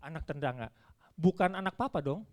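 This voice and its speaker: Male preacher with a high voice, animated storyteller, church sermon. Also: brisk. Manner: animated storytelling, acts out dialogue.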